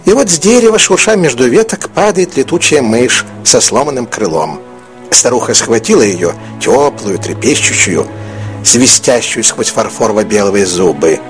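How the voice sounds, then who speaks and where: A man narrating an audiobook in an expressive, melodic storytelling manner. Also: medium pitch, normal speed, soft background music. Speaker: audiobook reader.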